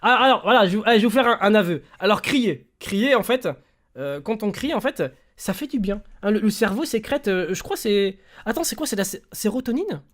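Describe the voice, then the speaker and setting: A young man streaming, telling stories in casual slangy chat that swings between loud bursts and quiet mumbling. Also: sits high, lively intonation, brisk.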